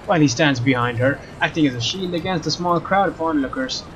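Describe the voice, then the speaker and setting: A young let's player with a voice on the high side, a bit bright and a little fast, alternates dramatic readings of story text with casual commentary. Faint game music and slight background noise come through his slightly dull mic.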